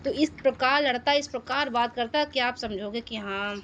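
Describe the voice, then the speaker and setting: A woman's voice: fairly quick, fairly bright tone, highs cut off, slight background noise. Woman chatting about her dog at home. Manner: talks to her dog in high coaxing calls. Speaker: vlogger. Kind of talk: casual home vlog narration.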